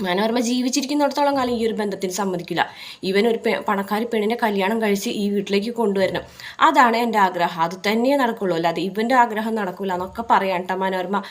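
A woman casually retelling a TV serial episode in a chatty storytelling style. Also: mid-range voice. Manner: rapid, chatty retelling with fillers. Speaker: serial recap narrator.

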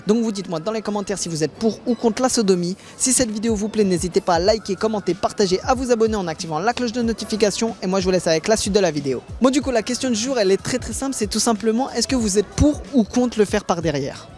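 A man's voice: sits high, quick pace, hardly any pauses, a little mellow, faint music behind. A young man interviewing people on a city street with a handheld mic, teasing and laughing as he presses with follow-up questions. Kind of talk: street vox pop, casual. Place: busy city street outdoors.

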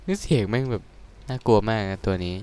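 Excitable young man yelping through a game. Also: lowish voice, fast talker, clear, resonant tone. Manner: excitable, crude swearing, frequent yelps. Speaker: gaming streamer. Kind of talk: casual game commentary.

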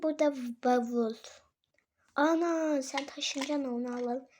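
A woman's voice: high-pitched, steady tone, measured pace, a little mellow, slight background noise. A woman voicing a cheeky, know-it-all young daughter in toy play, pleading for toys and explaining things to her mother.

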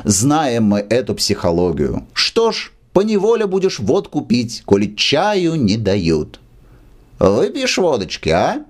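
A man voicing a tearful, rambling drunk male musician who lodges in a rented room, with slow, slurred, sentimental speech. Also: medium pitch, wildly swooping pitch, pitched above the performer's own voice, heavily acted. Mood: maudlin.

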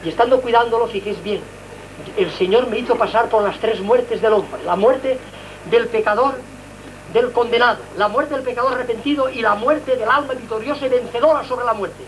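A man's voice: extremely high pitch, normal speed, a little hiss or hum, rough recording. An older man from Valencia, Spain, giving a fervent religious testimony and telling his listeners the story with drama. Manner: dramatic, impassioned storyteller who addresses listeners directly.

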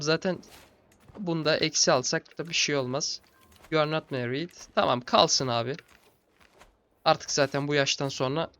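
A young man narrates his strategy game in a tired, laid-back way, since he is recording late at night. He chats to the in-game characters as if they were his buddies. His voice sits a bit higher than most men's. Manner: relaxed and low-key, talks to game characters as buddies. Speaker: gaming channel host. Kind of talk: casual strategy game commentary.

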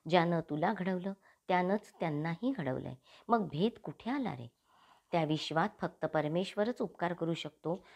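A woman's voice: fairly low pitch, darkish tone. A woman voicing an earnest, compassionate male spiritual thinker in an audiobook, pleading in inner monologue. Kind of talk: audiobook character reading.

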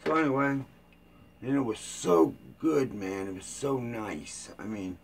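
Slow, gravelly older man vlogging. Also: medium pitch, lively intonation, a little hiss or hum. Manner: rambling, loose and informal, with many fillers and restarts. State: tired. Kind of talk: casual rambling vlog chat.

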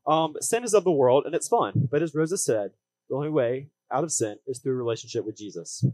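A man's voice: medium pitch, lively intonation, fairly quick, darkish tone, no echo, low-quality recording. A young man, preaching a youth service message from notes in plain, earnest, short phrases. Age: late teens. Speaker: student speaker at a church youth service. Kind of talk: youth sermon read from notes at a lectern. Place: church hall stage, indoors.

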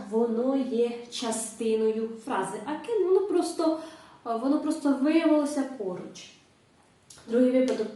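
A woman teaching English grammar in a lesson, slowing down to carefully pronounce English example phrases. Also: a little high, warm tone. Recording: echoey room, voice from a distance.

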